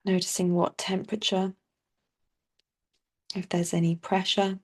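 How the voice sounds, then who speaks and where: A woman guides a body scan meditation in the role of a teacher, her voice soft and soothing, with long, unhurried pauses. Her pitch sits in the middle range and her tone stays level.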